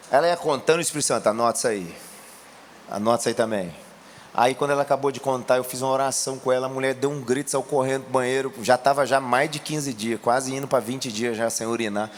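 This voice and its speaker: A Brazilian man preaching a sermon, telling a testimony in a colloquial way and rising to shouts. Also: mid-range voice, fast, a little hiss or hum. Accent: Brazilian Portuguese. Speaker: pastor.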